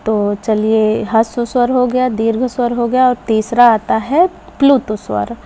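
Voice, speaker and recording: A woman giving a patient grammar lesson to children, explaining slowly and repeating each point. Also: on the high side, dark tone, slight background noise. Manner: slow, patient explaining with repetition; addresses children. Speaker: Hindi teacher.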